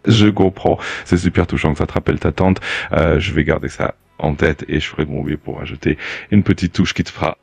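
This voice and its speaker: A synthetic male assistant voice that answers in a calm, overly polite, evasive way, with hesitant fillers. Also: rumbling low, fairly quick, vocal fry, slightly rough, dry recording, soft background music.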